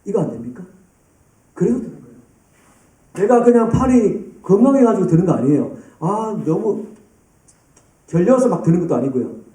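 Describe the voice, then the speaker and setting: Male youth pastor, lively sermon, dark mellow tone, echoey church hall from a distance. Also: sits high, moderate pace, long pauses. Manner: lively, addresses students by name and acts out scenes.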